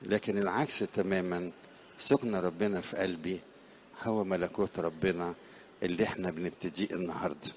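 A man's voice: low-pitched, steady tone, fairly quick, a little hiss or hum. A man with an Egyptian accent preaching a sermon in a church on a wireless microphone, talking casually with the congregation and asking them questions. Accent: Egyptian Arabic. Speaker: priest.

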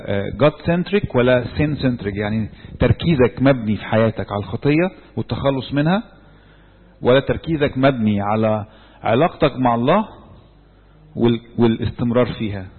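Expressive and fairly quick, with a breathy edge to his mid-range voice, a church speaker with an Egyptian Arabic accent addresses a group in sermon style. He poses questions and then answers them himself, speaking into a handheld microphone. The hall echoes, and the sound is tinny, like a phone.

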